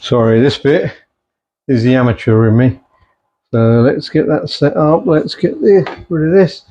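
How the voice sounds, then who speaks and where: A man's voice: medium pitch, unhurried, dark tone, a little hiss or hum. A middle-aged man casually showing home cooking in his kitchen, chatting easily and slipping in Punjabi-Urdu phrases. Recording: dull lo-fi home recording.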